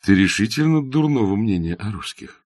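A man voicing an earnest young gentleman, idealistic and a little flustered, in an audiobook. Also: on the low side, lively intonation, moderate pace, no room sound, studio quality, voice pushed up.

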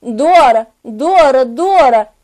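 A woman's voice: sits high, lively intonation, slow pace, a little mellow. A woman voicing a wounded male vampire who cries out in defiance and desperation. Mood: desperate.

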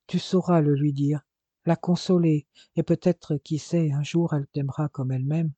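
A man's voice: a little high, fairly even intonation, normal speed, dark tone, no echo, highs cut off, close to an everyday voice. A man voicing a young man crippled after an accident, grave and bitter, in an audiobook.

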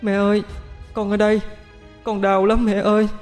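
A man voicing a small ghost child who cries and pleads for its mother in a very high voice. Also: completely flat delivery, moderate pace, darkish tone, big-room sound, faint music behind, close to an everyday voice. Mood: pleading.

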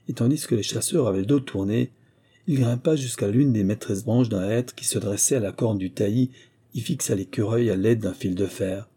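A man reading a nineteenth-century short story aloud in a measured storytelling manner. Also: fairly low pitch, dark tone, breathy edge. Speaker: audiobook reader. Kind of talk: scripted literary narration.

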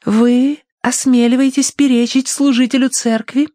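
A man's voice: flat delivery, unhurried, dark tone, no echo, clean studio sound. A man voicing a haughty, imperious young rich lady who scolds and commands her servant. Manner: shrill, commanding, indignant.

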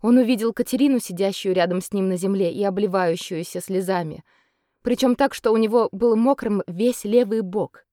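A woman narrates a fairy-tale story in an expressive, measured way, with a medium pitch. The recording is dry and close, with no room sound. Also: no room sound. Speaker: audiobook narrator. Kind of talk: scripted narration.

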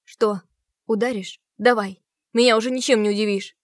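A woman's voice: mid-range voice, a little fast, dry recording, lightly acted. Female narrator doing defiant sarcastic young heroine, raised voice, dry sound. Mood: heated sarcastic. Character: defiant young woman, sharp-tongued heroine. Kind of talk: audiobook character reading.

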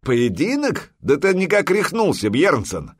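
A man's voice: a little high, huge pitch swings, a little slow, slightly rough, dry recording, clean studio sound, voice pushed up, full character voice. A man playing a roaring proud Viking jarl. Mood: commanding. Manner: roaring, forceful commands.

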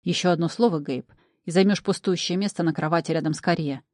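A man's voice: a little high, fast, no room sound, studio quality, natural voice. A woman voicing a stern grown man, an investigator who speaks curtly. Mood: threatening.

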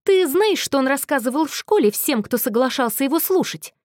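A woman's voice: high voice, very animated, brisk, dry recording, studio quality, pitched above the performer's own voice. A woman voicing a volatile, bitter young man on the edge of breaking down, snarling and accusing in a raised voice. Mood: furious, accusing.

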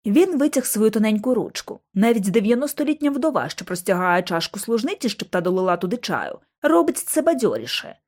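A woman narrating a story in the first person, reading in a lively, expressive way. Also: medium pitch, a little fast, few pauses. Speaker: audiobook narrator.

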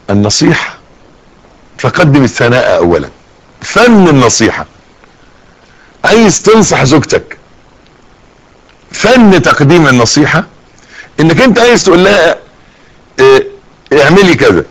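A middle-aged Egyptian preacher delivers a sermon in a fairly high, very animated voice. He jumps up and drops low as he acts out everyday scenes. His talk sounds lively and conversational. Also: a little slow, long pauses, rough recording. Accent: Egyptian Arabic. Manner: lively, acts out little scenes with rising and falling voice.

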